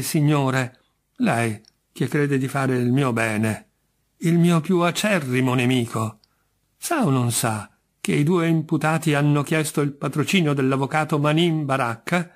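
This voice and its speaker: Jinx figure, indignant and emphatic, read by a man. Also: a little high. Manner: indignant, insistent, sharply emphatic. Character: grim, touchy middle-aged man branded a jinx.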